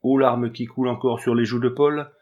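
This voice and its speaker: A man narrating a classic children's story aloud in a measured, expressive reading. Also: medium pitch, dull audio. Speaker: audiobook reader.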